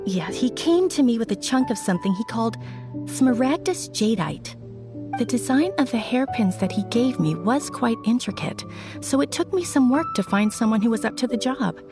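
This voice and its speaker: A woman's voice: on the high side, very animated, moderate pace, music in the background. An actress voicing a friendly, helpful young woman broker in a video game.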